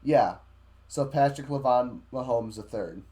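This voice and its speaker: A man's voice: mid-range voice, measured pace, mellow. A man co-hosting a sports podcast, chatting in a laid-back way about football news. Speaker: podcast co-host. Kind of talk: casual sports chat.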